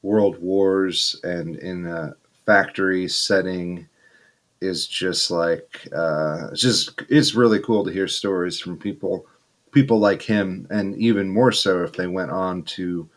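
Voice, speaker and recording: A man co-hosting a podcast, talking earnestly with many pauses and fillers. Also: sits low, fairly even intonation. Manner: earnest, hesitant, lots of fillers. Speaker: podcast co-host. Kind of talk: casual chat.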